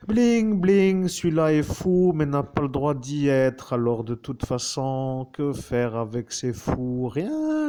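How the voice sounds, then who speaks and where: A man's voice: mid-range voice, mellow. A man rambling through an absurd live monologue full of wordplay and bursts of laughter.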